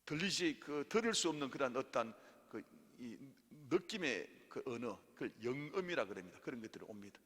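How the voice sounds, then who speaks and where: A man's voice: medium pitch, sing-song, brisk, hardly any pauses, fairly bright tone. A middle-aged male pastor teaches a lay theology class and has listeners repeat after him. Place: church hall. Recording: reverberant church hall.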